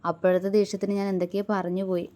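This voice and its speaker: Woman doing a young husband, gruff, scolding, teasing, quick-tempered, loving. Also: fairly low pitch, little pitch movement, dark tone, lightly acted. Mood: apologetic.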